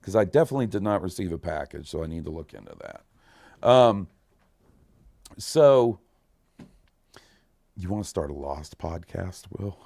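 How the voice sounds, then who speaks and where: A man hosting a podcast in casual chat, excitable and swearing a lot. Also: low voice, measured pace, vocal fry, pauses often, no room sound. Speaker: podcast host.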